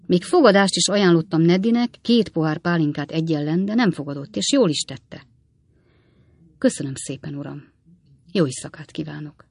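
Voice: mid-range voice, expressive, creaky, darkish tone, dry recording. A reader voicing a gloomy, deferential male prison turnkey who speaks politely, in an audiobook. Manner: polite, says "sir" often. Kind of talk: audiobook character reading.

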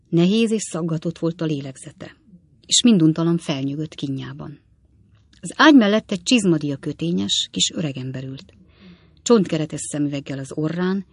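An audiobook narrator reads a classic novel in a measured storytelling manner. The voice is gravelly and sits in a middle pitch. The recording is dry and close to the mic. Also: no echo.

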